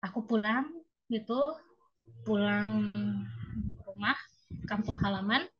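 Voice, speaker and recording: A young woman telling an emotional personal story in a halting, hesitant way, with many fillers. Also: medium pitch, fairly even intonation, husky. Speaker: guest sharing a personal story. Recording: muffled lo-fi call audio.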